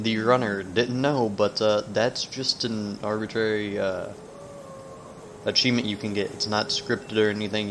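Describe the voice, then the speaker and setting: A man giving casual, rambling gaming commentary, haltingly trailing off mid-thought, with whistling S sounds. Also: lowish voice. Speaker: video game let's player. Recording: noticeable background noise, sensitive mic.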